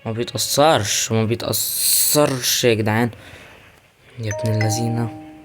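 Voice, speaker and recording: A young man with an Egyptian Arabic accent, chatting excitedly to viewers while commenting on his own gameplay. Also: mid-range voice, normal speed, faint music behind. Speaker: gaming YouTuber.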